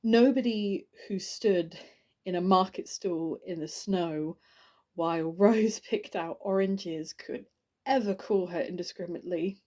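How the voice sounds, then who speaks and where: An actress playing a grieving woman delivering a eulogy for her friend, halting and stammering with many restarts, in an audition monologue. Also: lowish voice, mellow, close to an everyday voice. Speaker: actor.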